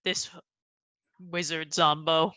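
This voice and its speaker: A woman's voice: deep voice, level tone, takes it slowly, bright, forceful tone, clean tone, no room sound. A woman playing a tabletop game, upbeat and casual, often saying cool. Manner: upbeat, says cool a lot. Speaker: player.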